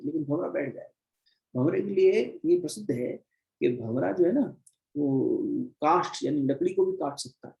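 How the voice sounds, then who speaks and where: A spiritual teacher with a fairly high, mellow voice gives a devotional discourse at a gathering, telling parables and repeating phrases for emphasis. The audio sounds dull.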